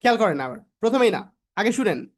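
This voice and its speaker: Lively woman drilling pronunciation. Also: mid-range voice. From Bangladesh. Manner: drills words by repeating them slowly, coaxing learners; mixes English phrases into her talk. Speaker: English pronunciation teacher. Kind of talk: live online class teaching.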